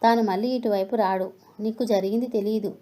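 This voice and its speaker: A woman's voice: mid-range voice, fairly even intonation, brisk, warm tone, natural voice. Woman reading as a preachy old retired teacher. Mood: lecturing. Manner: lecturing, preachy. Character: elderly retired male schoolteacher, stern and moralizing.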